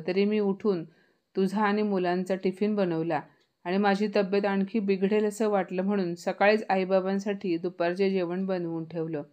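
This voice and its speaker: Woman voicing a calm, weary sick wife. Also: mid-range voice, natural voice. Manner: calm, pleading. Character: sick, patient wife, young adult woman.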